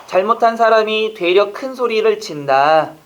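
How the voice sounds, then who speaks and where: With a high, expressive voice, a man teaches exam prep online, peppering listeners with quick rhetorical questions and casual jokes. The recording has its highs cut off.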